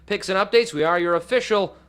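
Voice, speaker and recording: Male TV reporter, Boston accent, high pitch, jokey live banter. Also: quick pace, fairly bright tone, clean tone, no echo. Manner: upbeat, joking banter. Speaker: TV reporter and anchor. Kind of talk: live TV interview.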